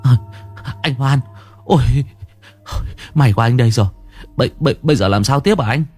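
A man voicing a timid, soft-hearted young village man who stammers and pleads. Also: medium pitch, normal speed, faint music behind, close to an everyday voice. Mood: anxious.

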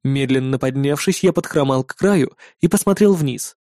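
A man's voice: mid-range voice, normal speed, darkish tone, no room sound, clean studio sound. Man narrating a gritty audiobook. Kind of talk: first-person audiobook narration.

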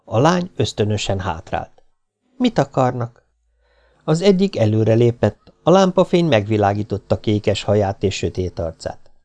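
Man narrating an audiobook, kinda gravelly voice, steady even reading. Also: on the low side.

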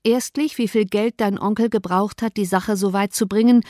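A woman reading the lines of an older gentleman father, ironic and measured, in an audiobook. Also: mid-range voice, fairly even intonation, no echo, studio quality, natural voice. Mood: wry. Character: Mr Bennet, older gentleman father, dry, wry.

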